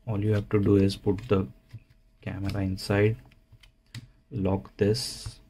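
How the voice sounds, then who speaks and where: A man giving a casual, unhurried how-to narration, explaining things plainly step by step. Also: fairly low pitch, darkish tone, slight background noise. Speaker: motovlogger, presenter.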